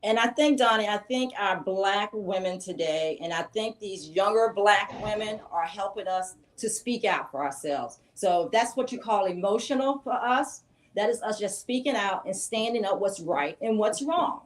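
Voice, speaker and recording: A woman's voice: mid-range voice, lively intonation, normal speed, rough recording. Outspoken woman. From rural American South. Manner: emphatic, outspoken. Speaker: talk show guest. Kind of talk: opinionated casual panel talk.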